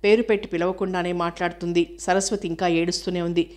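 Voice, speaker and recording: A woman narrating a novel aloud in a steady, even storytelling manner. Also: lowish voice, fast talker. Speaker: audiobook narrator.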